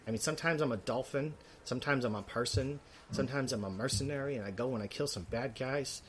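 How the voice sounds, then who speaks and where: A man's voice: mid-range voice, fast talker, slight background noise, close to an everyday voice. A man voicing a chatty, rambling old male brass dragon who is fussy and easily offended.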